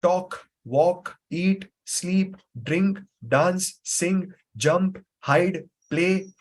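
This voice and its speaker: In a high-pitched voice and at an extremely slow pace, a memory trainer leads a live online class over a video call. He patiently explains, circles back to repeat points and fills his speech with frequent fillers.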